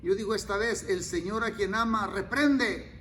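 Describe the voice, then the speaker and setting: A male pastor preaching a sermon, dropping to near-whispers and then rising to loud, pleading cries. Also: high-pitched, moderate pace, slight background noise. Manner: swings from quiet murmurs to loud cries.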